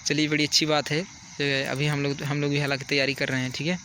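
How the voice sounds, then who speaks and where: Speaking fast in a fairly high, bright, forceful voice with flat delivery, a man teaches children outdoors at night amid slight background noise. His casual advice is earnest and repetitive, and he keeps saying "ठीक है" to confirm they understand.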